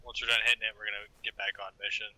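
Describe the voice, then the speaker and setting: Sharp, very fast-talking man giving tactical orders. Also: on the low side, flat delivery, rough recording. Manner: terse, directive. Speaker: squad leader in a military simulation game. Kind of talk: brisk tactical commands.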